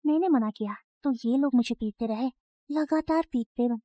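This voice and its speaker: A woman doing a kidnapped young woman, high mellow voice, urgent pleading, dry studio sound. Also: moderate pace, dry recording, close to an everyday voice. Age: young adult. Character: kidnapped young college woman, desperate and defiant. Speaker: dubbing actor. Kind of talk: Hindi drama dub.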